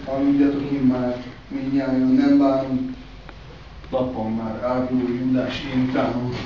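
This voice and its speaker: A man reading the part of Jesus in plain, measured verse at a play rehearsal. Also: mid-range voice, monotone, noisy background, close to an everyday voice. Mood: solemn. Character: Jesus, calm adult man, read in rehearsal. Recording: distant mic in echoey hall, dull.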